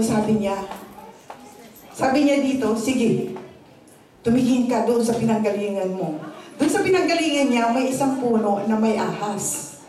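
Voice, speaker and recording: A woman's voice: fairly high pitch, darkish tone. A woman pastor preaching a morning sermon, telling a story politely and switching between Tagalog and English. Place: church service, morning gathering. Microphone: handheld or stand microphone. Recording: very echoey hall, voice from a distance.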